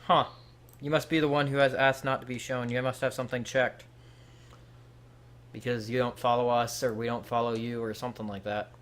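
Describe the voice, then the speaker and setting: A man's voice: mid-range voice, level tone, fairly quick, fairly bright tone. A young man hosting a live stream, chatting casually and talking straight to viewers by name.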